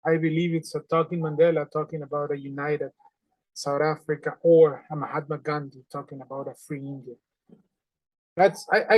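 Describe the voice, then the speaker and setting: Casting: man in his forties from Honduras, teacher, earnest and animated, close dry webcam sound. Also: fairly high pitch, no echo, low-quality recording. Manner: earnest, animated, with non-native phrasing. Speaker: English teacher. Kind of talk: online class lesson. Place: small indoor room at home. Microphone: webcam on a video call.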